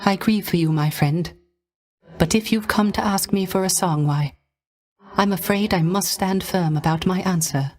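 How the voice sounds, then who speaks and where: A gentle, melancholy court musician from a video game speaks in a light voice that's rather high for a man, soft and genteelly careful, at a moderate pace. His phrasing is formal, theatrical and ornately polite, full of wistful devotion, and the mood is mournful yet firm.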